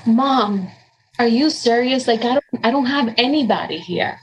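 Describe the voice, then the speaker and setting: In a conversational interview, a guest from the Dominican Republic, a woman in her forties with a Dominican Spanish accent, earnestly shares her story with many ums and restarts. Her voice is a little high and husky, with lively intonation at a normal pace, and the audio sounds dull.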